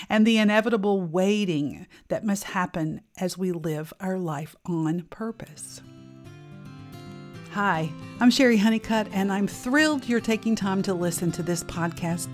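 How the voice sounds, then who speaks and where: A woman hosting her own podcast, delivering a scripted monologue in an expressive, emphatic and inviting way. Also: mid-range voice. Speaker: podcast host.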